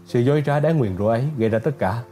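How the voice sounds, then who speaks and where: A male narrator playing a nervous middle-aged butler who talks in a hurried, pleading way. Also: mid-range voice, warm tone, soft background music, close to an everyday voice. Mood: anxious.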